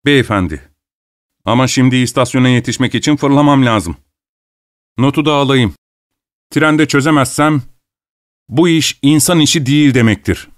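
A man's voice: mid-range voice, moderate pace, pauses often, close to an everyday voice. A man voicing a carefree, eager male office colleague who talks cheerfully and offhandedly. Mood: breezy eager.

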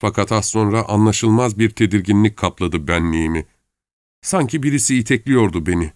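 A man calmly narrating a story in a measured audiobook style. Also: fairly low pitch, no echo, clean studio sound.

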